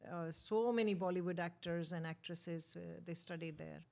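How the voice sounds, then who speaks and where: Low-pitched Indian-accented woman, emphatic and repetitive. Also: fairly even intonation, moderate pace, creaky, a little mellow. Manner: emphatic, repeats words and short phrases. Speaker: interview guest, author. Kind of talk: reminiscing in a conversational interview.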